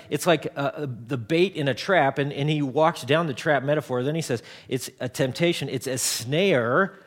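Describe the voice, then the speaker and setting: Conversational man preaching a sermon. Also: medium pitch. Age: 40s. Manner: conversational, repeats words, homely examples. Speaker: pastor.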